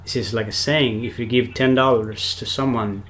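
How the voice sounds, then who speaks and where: A man's voice: medium pitch, fairly even intonation, normal speed, a bit bright, slight background noise. A man from Nepal, a spiritual teacher giving a rambling, casual livestream talk and often speaking of himself in the third person.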